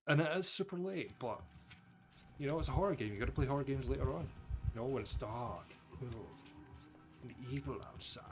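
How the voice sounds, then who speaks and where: A man's voice: medium pitch, brisk, over music. Jumpy Scottish man streaming a horror game. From Scotland. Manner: reads game dialogue aloud with jumpy, excitable outbursts. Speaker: gaming streamer. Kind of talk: live horror game commentary. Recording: clear background noise behind voice.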